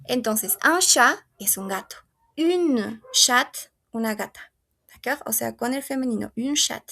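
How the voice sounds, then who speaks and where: A woman's voice: on the high side, expressive, unhurried, gravelly, bright, forceful tone. A woman teaching a French lesson, patiently repeating and modelling each word. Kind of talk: language lesson.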